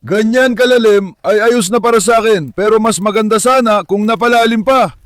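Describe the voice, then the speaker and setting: A man with a high, light voice vlogs outdoors from his backyard pool. He keeps calling his dogs in with coaxing, affectionate words and chats casually to his viewers. The sound is close and dry, with animal sounds now and then. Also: normal speed, a bit bright, dry recording. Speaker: vlogger and dog owner. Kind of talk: casual vlog talk to pets and viewers.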